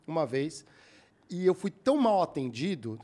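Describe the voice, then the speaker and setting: A man's voice: a little high, moderate pace. A young Brazilian man hosting a podcast, telling a long everyday story casually and acting out the other people's lines as he goes. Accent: Brazilian Portuguese. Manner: animated, acts out quoted voices. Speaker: podcast host.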